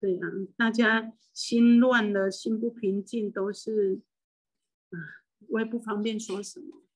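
A woman's voice: mid-range voice, level tone, measured pace, rough recording. An older woman from Taiwan, a spiritual medium and hypnotist, speaks with a Taiwanese Mandarin accent. She gives a rambling, emotional personal monologue full of restarts.

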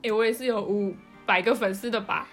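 A woman's voice: mid-range voice, steady tone, fairly quick, fairly bright tone, faint music behind. A woman with a Taiwanese accent chatting casually and playfully as a guest on a podcast. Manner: playful, bantering. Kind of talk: casual chat.

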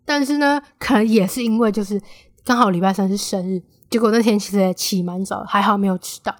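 A woman's voice: medium pitch, quick pace, no room sound. Chatty young Taiwanese woman, dry close mic. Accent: Taiwanese Mandarin. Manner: chatty, animated when quoting friends. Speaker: podcast host. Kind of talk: casual solo podcast storytelling.

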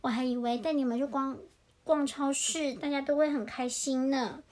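Mother hen, flustered, motherly, high voice, a woman doing it. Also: steady tone, normal speed, a little mellow, lightly acted. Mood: gentle.

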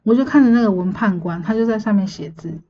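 A woman, casually telling a dream story on her podcast in a chatty, meandering way, often pausing to recall details. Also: medium pitch, lo-fi sound. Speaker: podcast host.

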